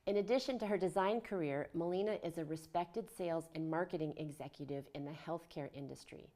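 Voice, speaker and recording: A woman's voice: on the low side, a little fast, mellow. A woman hosting a community TV talk show, reading an upbeat introduction and then chatting with her guest. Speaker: show host. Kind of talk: community TV interview.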